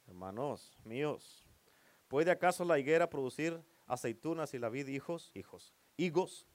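A man preaching from the pulpit, his voice sitting a bit higher than most men's. He teases his listeners and keeps asking for amens. The sound is dry and close, with almost no room echo. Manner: playful, teasing preacher who keeps calling for amens. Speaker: pastor. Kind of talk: sermon. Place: church.

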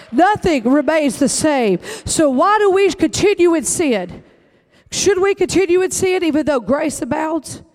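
Man preaching a fiery, folksy sermon in a very high voice. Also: darkish tone. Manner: emphatic preaching, folksy Southern phrasing. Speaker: pastor.

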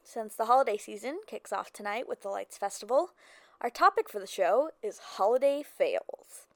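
A woman playing a small-town call-in radio host, with a smooth, breezy, chatty radio-host delivery. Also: fairly high pitch, expressive, normal speed, no room sound, studio quality. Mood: chipper.

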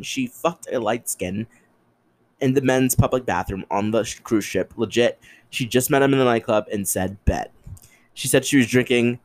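A young man hosting his own podcast, chatting casually and animatedly, swearing often and jumping up in pitch for emphasis. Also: low-quality recording. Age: young adult. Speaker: podcast host. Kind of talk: casual solo podcast chat.

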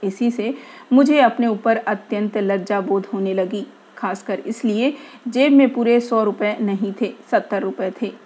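Woman reading a story aloud, measured. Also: medium pitch, darkish tone.

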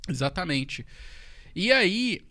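Paulista guy telling stories on a podcast, slangy, kinda high voice. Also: slow pace. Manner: slangy, animated, repeats words. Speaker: podcast guest. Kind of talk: casual storytelling.

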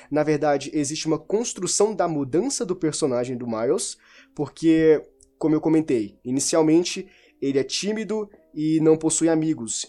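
A man with a somewhat high, dark-toned voice talks informally about a novel as a book reviewer. He rambles, restarting and correcting himself as he goes.

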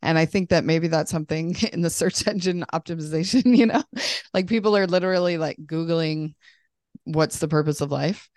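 A woman's voice: deep voice, normal speed, darkish tone, dry recording, studio quality. A woman guest on a podcast, a life coach, talking in a bubbly, chatty way and laughing often. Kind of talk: casual podcast chat.

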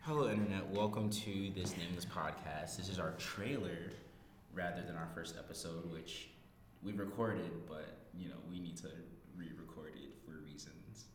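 A man's voice: sits low, steady tone, normal speed. A nineteen-year-old man hosting a podcast in casual, self-deprecating, joking chat, recorded in an echoey study room. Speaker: podcast host. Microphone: podcast microphone. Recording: echoey room, reverb, background noise.

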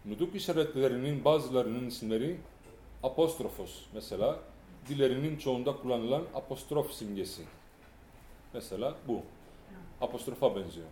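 A man lecturing in an echoey hall, his delivery measured and halting, pausing on fillers and correcting himself as he works through read-aloud material. His voice is mellow and dark at a middle pitch, and a faint hum sits behind him. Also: expressive. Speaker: lecturer on music history.

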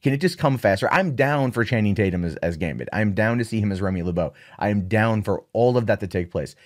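A man giving opinionated solo commentary on movie news, sarcastic and exasperated, with animated rants. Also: on the low side, quick pace.

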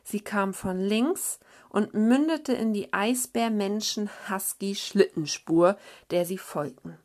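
Woman storyteller, slow, calm, reading to children. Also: mid-range voice.

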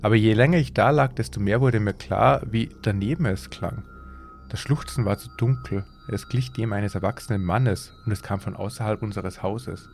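A man's voice: on the low side, normal speed, darkish tone. Man reading a horror story over faint music. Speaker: podcast host and story reader.

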